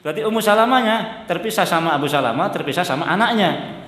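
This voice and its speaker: A man's voice: high-pitched, animated, fast, fairly bright tone. A man giving a religious study lecture as a preacher, chatty, often checking that listeners follow, laughing, and chanting Arabic text. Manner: mixes in Javanese phrases and chants Arabic text. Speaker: Islamic preacher. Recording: echoey hall, long reverb.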